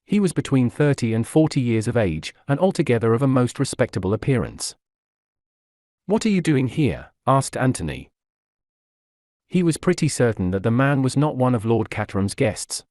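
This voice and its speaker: A man reading a novel aloud as narrator in a measured, even manner. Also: mid-range voice, no echo, studio quality. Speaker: audiobook narrator. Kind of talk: scripted narration.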